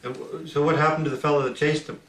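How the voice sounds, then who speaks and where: A man's voice: on the high side, flat delivery, fast talker, a bit bright, low-quality recording. Matter-of-fact male documentary interviewer. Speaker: interviewer and narrator.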